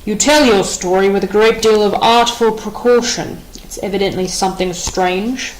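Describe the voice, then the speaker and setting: A woman's voice: mid-range voice, moderate pace, a little hiss or hum, natural voice, poor audio. A woman reading the part of a stern, unbending male king in an audiobook play, grave and declamatory in manner. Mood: impatient.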